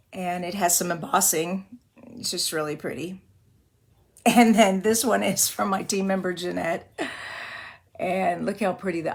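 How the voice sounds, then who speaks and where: In a mid-range voice slightly roughened by singing and allergies, a Texan woman hosts a chatty live-stream tutorial on making cards. She wanders off topic, apologizes frequently, and is quick to laugh.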